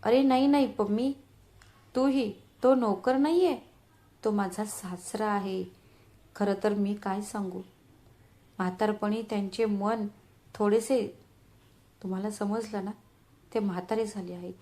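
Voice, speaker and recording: A woman's voice: medium pitch, flat delivery, a little slow, pauses often, mellow, close to an everyday voice. A woman voicing a haughty, scheming daughter-in-law who talks falsely sweet and scornful.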